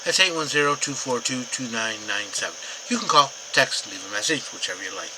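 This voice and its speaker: A man's voice: medium pitch, lively intonation, a little fast, background noise. A man doing a daily Bible reading, reading verses aloud and then explaining them in plain words. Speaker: Bible teacher.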